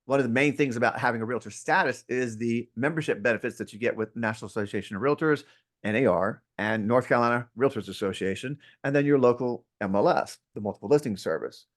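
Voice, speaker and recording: A man's voice: medium pitch, quick pace. Emphatic, playful male real estate instructor. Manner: emphatic, playful, lively storyteller. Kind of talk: interview conversation. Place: at home near an outdoor deck.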